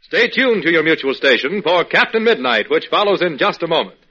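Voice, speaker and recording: A man's voice: on the high side, sing-song, brisk, slightly rough, exaggerated voice. A man with an American accent announcing and narrating a 1940s radio serial in a theatrical, suspenseful old radio announcer style. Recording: dull vintage radio broadcast, loud music.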